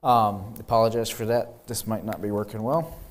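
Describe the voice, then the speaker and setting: A man's voice: lowish voice, steady tone, normal speed. A young man who grew up in Peru gives an earnest missions presentation in a church, with frequent ums and apologies. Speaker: missionary speaker. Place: church sanctuary.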